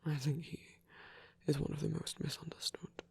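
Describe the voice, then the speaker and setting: For an intimate ASMR roleplay, a performer portrays a devout and caring male vampire priest whose very breathy voice is often whispered and edged with creak. He speaks gently and thoughtfully at a medium pitch, using measured, slightly formal phrasing in a level tone, with an earnest, soothing mood.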